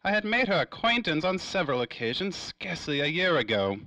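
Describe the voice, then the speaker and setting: This low-quality, dry recording features a man with a fairly high, very animated, sharp voice giving a heavily acted turn as a 1930s radio-drama tycoon. Playing a suave, self-important magnate in a noir serial, he sounds smug and cagey, drawing out his evasive phrasing with theatrical flair.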